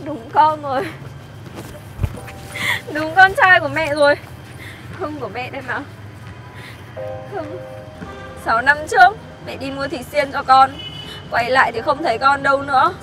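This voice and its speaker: A woman's voice: high voice, unhurried, long pauses, pushed and bright. An actress playing a harsh young mother who berates an orphan boy, scolding sharply in a scripted web sitcom. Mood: tearful. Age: young adult. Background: background music.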